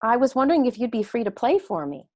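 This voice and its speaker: An actress playing a gentle, starstruck grown daughter, defensive with her mother, in a period drama reading. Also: on the high side, big pitch swings, fast. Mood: eager, hesitant.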